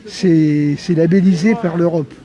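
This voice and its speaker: An older man from Lozère answers a reporter's questions at an outdoor market. His voice is high and mellow, and he hesitates often, restarting his sentences. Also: steady tone. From Lozère, France. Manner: halting, with many fillers and restarts. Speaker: market shopper interviewed.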